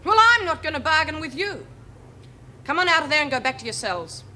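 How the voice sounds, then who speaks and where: An actress playing a firm woman prison officer giving sharp orders in a television drama. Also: sits high, sing-song, a little fast, full character voice.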